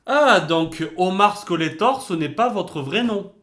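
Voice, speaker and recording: A man's voice: high-pitched, lively intonation, a little slow, fairly bright tone. A man acting as interviewer in a comic mock interview, politely formal but teasing.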